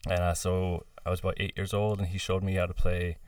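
Deep-voiced man from the Boston area. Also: a little fast, smooth, dry recording, studio quality, distant mic. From United States, near Boston. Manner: relaxed storytelling with many fillers and laughs. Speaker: podcast guest, drummer. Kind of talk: casual interview chat.

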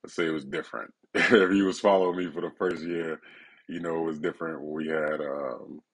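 A man hosting a casual, intimate solo podcast, speaking in a laid-back, personal way right in the listener's ear, with a gravelly, husky voice. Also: very deep voice, steady tone, a little fast, low-quality recording. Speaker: podcast host.

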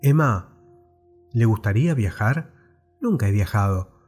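A man's voice: on the low side, lively intonation, measured pace, a little mellow, breathy edge, soft background music. A man voicing an eager little male fairground performer who speaks rapturously, in a storybook reading. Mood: coaxing. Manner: rapturous, pleading.

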